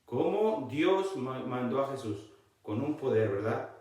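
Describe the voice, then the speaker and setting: A man gives a Bible-reading sermon at an unhurried pace, his pitch rising and falling in lively sweeps. He keeps pressing his listeners to pay attention and repeats key lines. The recording is heavily echoey, with the mic set well away from him. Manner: emphatic, often repeating "look" to the listeners; reads scripture aloud slowly. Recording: very echoey, mic far from speaker.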